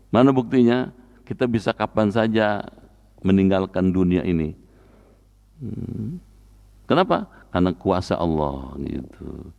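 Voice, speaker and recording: A man's voice: lowish voice, a little mellow. A man preaching a Quran study sermon in a mosque, talking colloquially and putting rhetorical questions to the congregation. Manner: spells out recitation slowly and deliberately. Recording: dull lo-fi recording.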